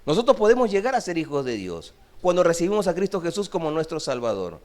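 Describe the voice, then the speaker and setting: A man preaching a sermon as pastor, swinging between loud emphasis and hushed low phrases. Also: sing-song, quick pace. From Peru. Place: church.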